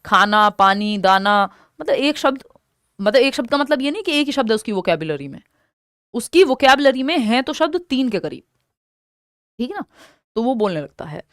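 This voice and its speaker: Higher-voiced Indian woman teaching. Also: sing-song, a bit bright, clear, resonant tone, dry recording, studio quality. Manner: explanatory, repeats key terms slowly; asks herself questions and answers them. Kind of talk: exam-prep lecture.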